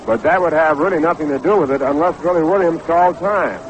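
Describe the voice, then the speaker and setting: Speaking fast in a fairly high voice, an American man delivers baseball play-by-play from a stadium broadcast booth. It's 1960s radio sports commentary, heard through a noisy AM broadcast of that era.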